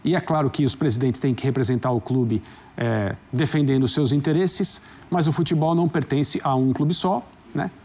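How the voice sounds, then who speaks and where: A man's voice: mid-range voice, normal speed, a little mellow, husky. A man with a Brazilian accent commenting in a studio sports debate, reflective with wry asides. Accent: Brazilian Portuguese.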